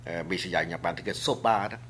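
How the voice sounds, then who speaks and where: A man's voice: sits low, very fast, fairly bright tone, slight background noise. A man speaking as a guest on a talk show, lecturing earnestly to the audience about food and culture, with frequent restarts and filler words. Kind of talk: studio talk show discussion.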